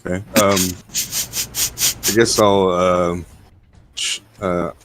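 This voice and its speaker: Male player, very deep and slow, hesitant with lots of ums. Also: flat delivery, background noise. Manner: hesitant, with frequent ums and easy laughs. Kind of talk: casual tabletop game play.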